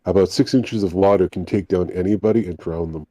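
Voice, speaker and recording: A man talks on a casual podcast in a very deep, dark voice. He hesitates often, leaning on fillers, and his mic sounds dry and close. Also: fairly quick, no echo, poor audio. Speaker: podcast co-host.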